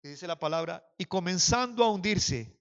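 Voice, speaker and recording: Fiery high-pitched preacher in an echoey hall. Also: male voice, expressive, normal speed, highs cut off. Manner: impassioned preaching, swings from quiet to shouting; calls the congregation to repeat and raise hands. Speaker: pastor. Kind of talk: sermon. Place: church hall.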